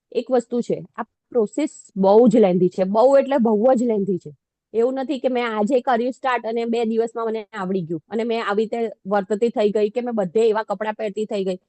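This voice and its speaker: High-voiced woman giving a devotional class. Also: mellow, dry recording. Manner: conversational, self-deprecating, asks the audience questions.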